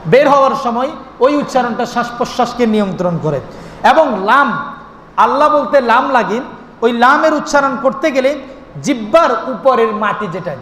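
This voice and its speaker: High pitched guy preaching, roomy echoey hall, faint hiss behind, stretches out chanted words now and then. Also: fairly bright tone. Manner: chanting drawn-out calls mid-sermon; asks the crowd questions and answers them himself. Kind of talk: sermon.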